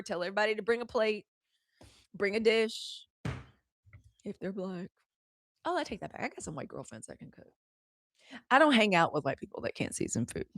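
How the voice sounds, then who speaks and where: Brief: woman in her forties, live-stream host, lively and candid, talks to viewers, dry close sound. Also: medium pitch, dry recording. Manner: animated, chatty, talks straight to viewers. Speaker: host of a live news show. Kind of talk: casual live-stream commentary.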